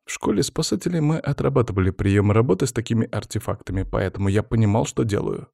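A man reading a first-person fantasy audiobook in a measured, even manner. His voice is on the low side, and the recording is dry and close, with no room sound. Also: gravelly, dry recording. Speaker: audiobook narrator. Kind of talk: scripted first-person narration.

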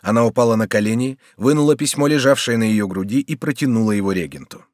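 A man narrating a classic historical novel as an audiobook in a steady, measured way, recorded in a studio. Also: medium pitch, no echo.

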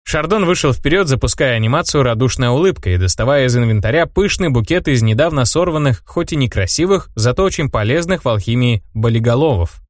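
A man's voice: mid-range voice, expressive, fairly quick, hardly any pauses, no echo. Male audiobook narrator, dry close sound.

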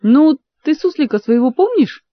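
A woman's voice: high-pitched, sing-song, moderate pace, no echo, highs cut off, pitched above the performer's own voice. A woman reading aloud and voicing a hesitant, unsure young man.

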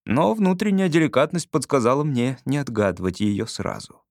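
A male audiobook reader telling a story in a measured, expressive voice. His pitch moves freely through the sentences. The recording is dry and close to the mic. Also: dry recording. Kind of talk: reading a story aloud.

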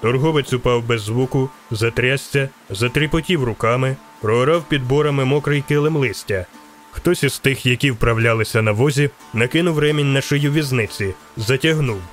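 A man's voice: mid-range voice, normal speed, soft background music. A man narrating an audiobook in a dramatic storytelling manner.

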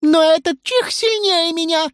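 A woman voicing a grumpy young female kikimora, a swamp-spirit pupil, in a squeaky, whiny voice. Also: unhurried, no echo, clean studio sound. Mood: plaintive.

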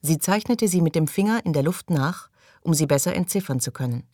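Give me a low-voiced woman narrating an audiobook. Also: expressive, a little fast, mellow, dry recording, clean studio sound. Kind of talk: scripted narration.

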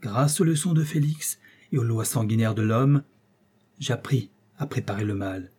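A man reading an audiobook aloud in steady, even scripted narration. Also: medium pitch, moderate pace, breathy edge. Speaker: audiobook reader.

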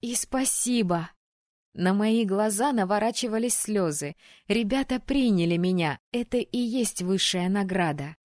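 A woman reading first-person narration of an audiobook in a lively, expressive storytelling manner, close to the mic. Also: mid-range voice, moderate pace, dry recording.

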